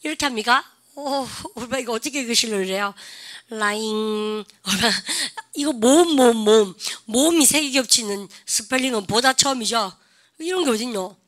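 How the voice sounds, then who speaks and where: A middle-aged woman teaching English grammar in a classroom, lively and drilling her students with call-and-response prompts. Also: a little high, brisk. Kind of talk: classroom lecture.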